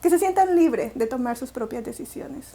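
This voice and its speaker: High-voiced Salvadoran woman recounting her story. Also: animated, moderate pace, warm tone. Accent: Salvadoran Spanish. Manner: reflective, with many fillers and restarts. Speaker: interview guest. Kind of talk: personal story in an interview.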